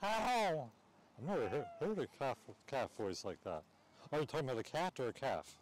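A man's voice: mid-range voice, very animated, fairly quick. A man announcing a live outdoor contest at a cow pasture, bantering jokingly with the crowd and teasing the waiting audience. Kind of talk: casual live event announcing.

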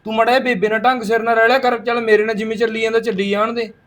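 A man's voice: very high-pitched, little pitch movement, a bit bright. A man playing a scolding young husband. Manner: arguing, scolding, rapid. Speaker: actor in a short film.

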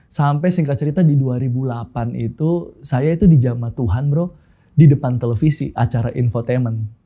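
A man's voice: mid-range voice, normal speed, dark tone. A man in his thirties from Makassar tells his personal testimony as a guest in a casual, informal way, often calling the host "bro" and mixing in English phrases. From Makassar, Indonesia.

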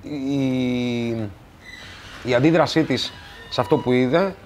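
A man from Greece, a tattoo artist, telling stories in a casual interview and acting out the dialogue. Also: faint music behind. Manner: animated, acts out dialogue, rises in pitch when quoting.

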